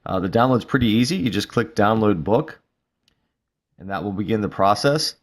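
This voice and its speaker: A male instructor giving a relaxed, casual walkthrough of a mobile study app, with frequent fillers. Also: fairly low pitch, normal speed. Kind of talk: screen-recorded app tutorial.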